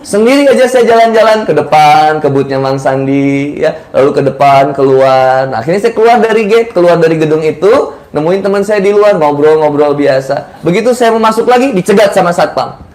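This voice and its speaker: A man's voice: fairly high pitch, expressive, brisk, few pauses, darkish tone. A man preaching casually to a cafe audience, telling stories in a playful way and acting out the people in them. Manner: storytelling, playful, acts out the people in his stories. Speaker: Islamic preacher. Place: cafe study session room. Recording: echoey room, faint ambience.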